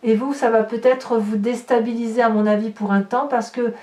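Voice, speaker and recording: A woman's voice: a little high, fairly even intonation, moderate pace, darkish tone. Musing woman tarot reader in a roomy space. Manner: musing, hesitant, asks rhetorical questions. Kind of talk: tarot reading to camera. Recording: roomy, distant mic.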